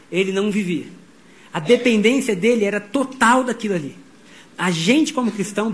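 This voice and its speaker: High-voiced pastor preaching animatedly. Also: male voice. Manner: animated storytelling, voicing quotes. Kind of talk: sermon.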